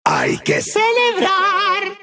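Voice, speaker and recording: An actor voicing a gleefully murderous demonic party clown for a video game, with a gravelly, raspy, cackling voice and a Latin American Spanish accent. He taunts in a singsong, breaks into manic shouts, and drops into sudden low growls. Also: huge pitch swings, very slow, soft background music, full character voice. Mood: gleeful menace.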